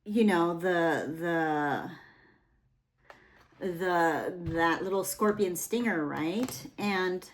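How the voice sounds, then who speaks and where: A woman's voice: fairly low pitch, extremely slow. A young adult woman giving a casual, rambling tarot reading, full of fillers and asides. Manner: rambling, chatty, with many fillers. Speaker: tarot reader.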